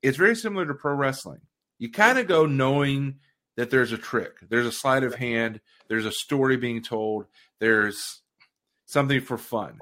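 A man with an everyday mid-range voice who hosts a relaxed talk about faith. He thinks aloud in a steady, reflective way and builds his points as he goes. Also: mid-range voice, moderate pace. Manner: thoughtful, reflective. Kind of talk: casual faith conversation.

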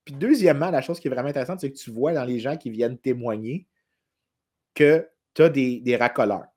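Co-host man, Québécois accent, mid pitch, lively economist explaining history in a casual chat. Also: a little fast. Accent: Québécois French. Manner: animated explaining, quotes in English.

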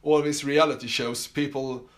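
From his summer house, a Swedish man with a Swedish accent hosts a casual podcast by himself, peppered with fillers and restarts. His mid-range voice is steady, a bit bright, and moderately paced.

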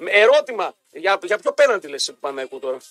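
High-voiced man on sports radio. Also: very animated, fairly bright tone. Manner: chatty, repeats himself, reads ad copy. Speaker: radio sports show co-host. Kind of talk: casual sports radio banter. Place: radio studio. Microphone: studio microphone. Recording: radio broadcast with faint music.

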